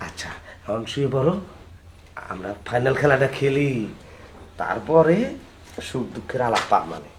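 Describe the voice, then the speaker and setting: A man's voice: medium pitch, big pitch swings, normal speed, pauses often, a little hiss or hum, natural voice. A man playing an old grandfather who has just married a young bride, bossy and suspicious in a comic drama. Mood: teasing. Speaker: old groom. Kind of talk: comic audio drama acting.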